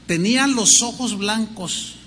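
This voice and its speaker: A man's voice: high-pitched, takes it slowly, sharp tone, big-room sound, slight background noise. An older man preaching a sermon as pastor, telling a story with acted-out dialogue and rhythmic lists of words.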